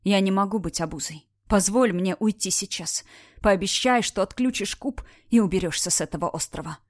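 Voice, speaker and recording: A woman's voice: mid-range voice, normal speed, no echo, clean studio sound, lightly acted. A woman reading a wounded young man, firm and tender. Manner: firm, pleading. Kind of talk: audiobook reading.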